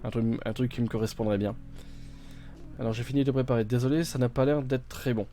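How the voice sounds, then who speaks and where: Mellow-voiced man streaming a game. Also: mid-range voice, fairly even intonation, fast, soft background music. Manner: thinks aloud, hesitant, many fillers and restarts; reads game text aloud and translates it. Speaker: gaming streamer. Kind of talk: casual let's-play commentary.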